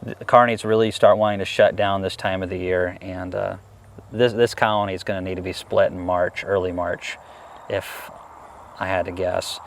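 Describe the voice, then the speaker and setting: Easygoing low-voiced man talking bees. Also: level tone, normal speed, a little hiss or hum. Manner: easygoing, chatty and enthusiastic. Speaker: beekeeper being interviewed. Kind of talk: casual interview answers while working a hive. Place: outdoors at a beehive.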